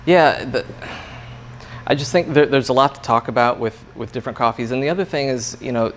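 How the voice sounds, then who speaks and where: A man's voice: mid-range voice, fairly quick. A man working as a coffee roaster, explaining things in a casual interview chat with loose, hesitant phrasing. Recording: clear background room noise.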